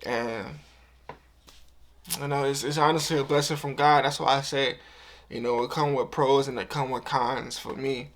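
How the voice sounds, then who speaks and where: Speaking to camera at a moderate pace, a young man of twenty keeps a steady tone and medium pitch. His vlog is emotional and sincere, relaxed and slang-filled, with lots of repetition.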